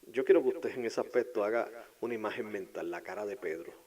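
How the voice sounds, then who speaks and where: Man preaching, hushed to impassioned. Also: fairly low pitch, fairly quick, rough recording. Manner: swings from hushed, whispered asides to loud, impassioned preaching. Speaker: pastor. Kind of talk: sermon.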